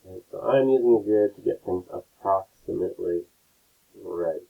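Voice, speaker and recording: A low, gravelly male voice walks students through a painting demonstration in a relaxed, step-by-step way, often tagging his points with a quick question. The sound is a thin, low-quality stream that sounds like it is coming through a phone line. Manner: relaxed, explains step by step, keeps checking in with "right?". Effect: low-quality, tinny stream audio. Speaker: art teacher.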